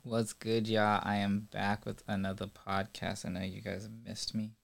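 A man with a low, gravelly voice hosts a laid-back podcast and talks easily with his guest. His tone is casual and friendly, with soft background music. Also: normal speed. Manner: relaxed, chatty, laughs easily. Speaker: podcast host.

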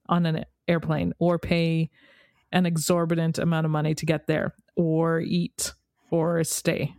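A woman from Canada co-hosting a podcast in casual chat, enthusiastic and quick to laugh. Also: fairly low pitch, dry recording, clean studio sound. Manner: warm, enthusiastic, laughs easily. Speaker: podcast co-host.

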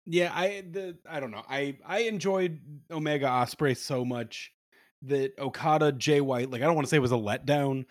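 A man's voice: on the high side, moderate pace, no room sound, clean studio sound. A man co-hosting a podcast, telling self-deprecating stories in casual chat. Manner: storytelling, self-deprecating, laughs between lines. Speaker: podcast co-host.

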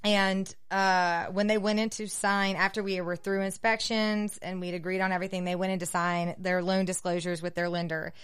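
A woman's voice: on the low side, normal speed, few pauses, clean tone. A woman realtor, co-hosting and telling client stories in a chatty way. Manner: chatty storyteller, animated when quoting clients. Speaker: realtor and co-host. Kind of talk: casual podcast chat.

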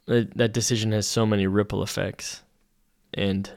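A man from Canada hosting a podcast, talking in a relaxed, reflective way. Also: lowish voice, moderate pace, vocal fry. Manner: relaxed, reflective, talks through thoughts with fillers. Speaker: podcast host. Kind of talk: casual podcast interview.

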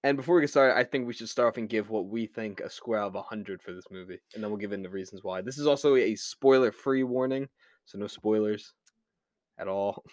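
A man's voice: on the low side, fairly quick, dry recording, clean studio sound. A man with a Delaware County, Philadelphia accent, chatting casually as he hosts a film review podcast. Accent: Delaware County, Philadelphia area. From Delaware County, Pennsylvania, USA. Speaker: podcast host.

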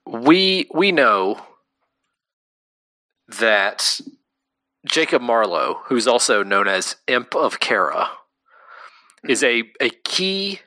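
Bright, dry-sounding podcast man. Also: medium pitch, no echo. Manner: animated, quick bursts, many fillers. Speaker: podcast co-host. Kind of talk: casual chat.

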